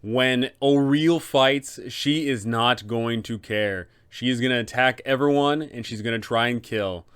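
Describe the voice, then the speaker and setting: Speaking at a medium pitch, unhurried and with few pauses, this man sounds smooth and a bit bright. He is a tabletop game master hosting an explanatory video on role-playing villains, offering advice in an emphatic, dramatic storytelling style.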